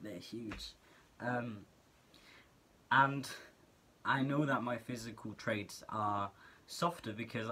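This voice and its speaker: A Norwegian teenage vlogger with a Norwegian accent talks to the camera from a small bedroom, earnest yet casual and full of filler words. His voice is fairly low, with a pushed, bright quality.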